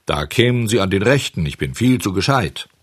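A man's voice: lowish voice, animated, normal speed, breathy edge, no echo, clean studio sound. A man voicing a stubborn wooden puppet boy who stammers and pleads, in an audiobook reading. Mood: boastful.

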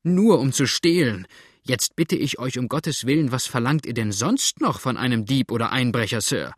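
A male reader voicing an indignant, chattering old widow with a shrill, scolding voice. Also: lively intonation, normal speed, no room sound, clean studio sound, lightly acted.

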